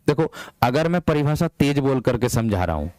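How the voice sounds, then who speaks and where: A young man teaching a live online Hindi grammar class for police exam students. He speaks slowly and deliberately, repeats phrases and calls the students "my brave one" in a firm, hard-edged voice. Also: medium pitch, big pitch swings, darkish tone, dry recording. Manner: deliberately slow, drawn-out delivery.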